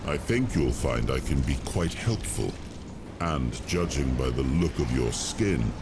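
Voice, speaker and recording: An actor playing the weary spirit of a fallen king in a video game, noble and solemn, speaking in measured, regal phrases. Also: extremely low pitch, background noise, exaggerated voice. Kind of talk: dramatic video game acting.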